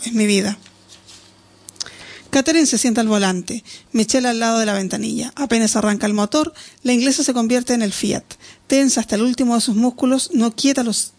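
A woman narrating an audiobook in a steady, descriptive reading. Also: a little high.

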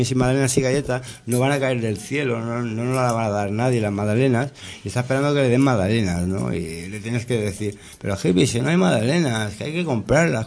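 Gravelly, rambling man telling stories. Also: medium pitch, darkish tone. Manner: rambling, halting, with many restarts and tag questions. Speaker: interviewee. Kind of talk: casual storytelling.

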